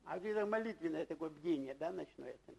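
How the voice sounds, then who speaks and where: A middle-aged man, a pastor, preaching in a loose conversational way, telling personal stories and checking in with the congregation with quick questions. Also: fairly high pitch, animated, creaky, darkish tone, husky, poor audio. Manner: anecdotal, keeps asking the congregation "right?". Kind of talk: conversational sermon.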